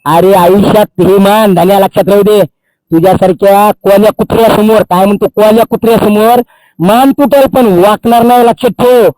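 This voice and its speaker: Angry activist, high dark voice, dry close sound, accusing and repetitive. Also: male voice, fairly even intonation, brisk, no room sound, poor audio. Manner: furious, accusing, repeats phrases for emphasis. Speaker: social activist. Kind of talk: angry public tirade. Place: outdoors by a Holi fire.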